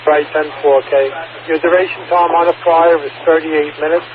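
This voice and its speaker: A man's voice: on the high side, steady tone, moderate pace, narrow, tinny audio. New fire dispatcher man on noisy radio. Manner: procedural, repeats times and codes. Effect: two-way radio.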